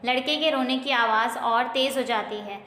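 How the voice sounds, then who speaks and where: Woman teacher going through a play line by line, repeats stuff simply, high voice, echoey room. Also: normal speed, bright, forceful tone. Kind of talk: reading a school play aloud and explaining it. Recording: roomy with long reverb.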